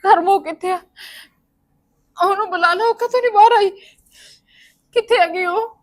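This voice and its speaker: A woman's voice: very high-pitched, normal speed. An actress playing a grief-stricken mother who is crying and pleading as she laments her missing daughter. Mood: anxious. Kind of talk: Punjabi family drama acting.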